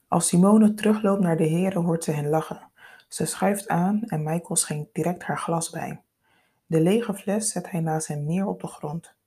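Low, husky woman narrating intimately. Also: mellow. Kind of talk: scripted story narration.

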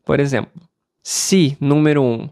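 A Brazilian man teaching Portuguese on a podcast, explaining calmly and asking and answering his own questions. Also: mid-range voice, a little slow, no room sound, clean studio sound. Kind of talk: podcast lesson for learners.

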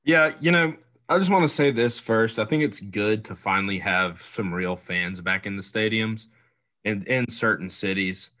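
A man's voice: on the low side, moderate pace, pushed and bright, no room sound. A man co-hosting a podcast in casual sports chat, thoughtful and weighing both sides. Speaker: podcast co-host.

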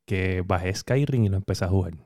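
A man's voice: low voice, fast, mellow, no room sound, clean studio sound. A Puerto Rican man in casual chat as a podcast co-host, rambling with hesitant fillers.

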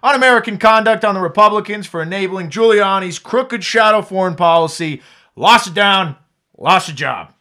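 A man's voice: high voice, normal speed, pushed and bright. A man playing a crusty football referee. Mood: officious. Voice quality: barking penalty calls.

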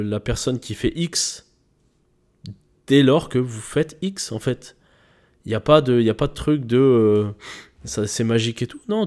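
A man's voice: mid-range voice, a little mellow. A young man hosting a podcast, giving a casual motivational monologue in loose slang with lots of fillers and restarts. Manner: rambling, loose slangy talk with many fillers. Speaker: podcast host.

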